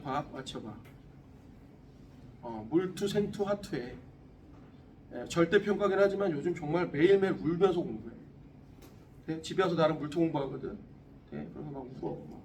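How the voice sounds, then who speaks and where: A man in his forties teaching a high school science class, blunt and teasing, swearing often. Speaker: science tutor. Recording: classroom recorded from a distance, faint room noise.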